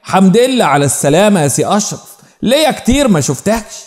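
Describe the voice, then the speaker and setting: A jovial, fatherly middle-aged Egyptian doctor, voiced by a man narrator. His voice is high and animated, with a long reverb behind it in this spoken story. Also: quick pace. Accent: Egyptian Arabic. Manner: warm, fatherly.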